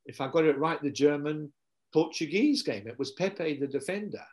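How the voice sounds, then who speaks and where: An older man talks over a video call from his book-lined study, his voice set a touch high for a man. He tells stories in an animated way, often stopping to repeat a word while he hunts for the next one. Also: moderate pace. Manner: animated storyteller, repeats words while thinking. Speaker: guest philosopher. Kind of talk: casual interview on a video call. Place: home study with bookshelves. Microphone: video call laptop mic.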